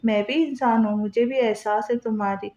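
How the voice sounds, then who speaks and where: A woman voicing a cruel, mocking young husband who taunts his wife in a soft menacing tone, in a roomy, dull lo-fi recording. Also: fairly high pitch, steady tone, normal speed, close to an everyday voice. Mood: taunting.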